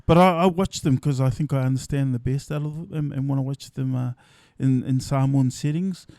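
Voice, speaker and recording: A middle-aged man tells his story as a podcast guest. His voice is mid-pitched and dry, recorded close with no room echo. He speaks in a relaxed, reflective way, often trailing off softly and restarting. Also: moderate pace, vocal fry. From New Zealand. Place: indoors at a company's headquarters.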